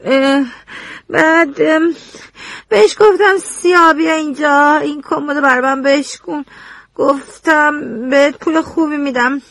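An actress playing a frightened, rough young woman testifying in court, speaking haltingly and near tears. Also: high-pitched, no echo. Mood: tearful. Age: young adult. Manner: halting, tearful, sullen. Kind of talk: radio drama acting.

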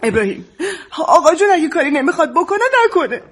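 Sobbing, high-voiced desperate sister. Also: female voice, sing-song. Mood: pleading. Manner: pleading, bursts into shouting. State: crying. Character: desperate grown woman, sobbing older sister. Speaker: distraught sister and wife. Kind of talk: TV drama acting.

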